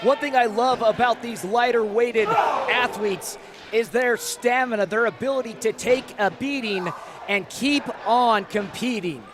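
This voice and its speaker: A man giving live wrestling commentary as a booming, pumped-up announcer who often shouts. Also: unhurried, background noise. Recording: loud crowd and music behind. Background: cheering crowd, music, ring slams.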